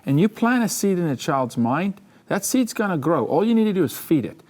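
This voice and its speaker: A man talking as a guest on a political talk show. His voice sits a little high for a man. He speaks emphatically, leaning into his words like he is preaching. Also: very animated, brisk, a little mellow.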